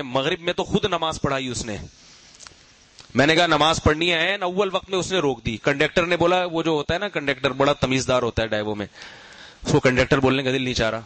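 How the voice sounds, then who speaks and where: A middle-aged man giving a Friday sermon, telling stories with rhetorical questions and humorous asides, and getting loud and emphatic when he scolds. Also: a little high, no echo, rough recording. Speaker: preacher.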